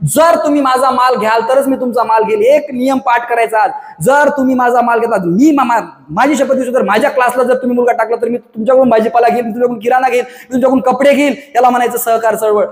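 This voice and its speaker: Man, impassioned monologue, very high and fast, echoey room with long reverb. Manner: fiery, ranting, many rhetorical questions. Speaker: coaching class owner giving advice.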